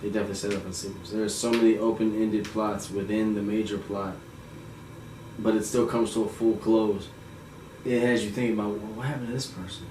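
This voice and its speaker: A man's voice: fairly low pitch, little pitch movement, brisk, mellow. A man hosting a casual movie review chat, laid-back and slangy, laughing often. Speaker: podcast host. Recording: echoey room, mic far off, faint noise.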